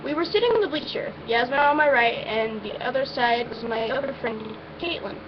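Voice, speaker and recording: Reading a first-person story in a high-pitched voice at a fairly quick pace, this woman sounds informal and amateurish, occasionally tripping over words and stopping for asides. The audio is muffled and noisy, like an amateur recording.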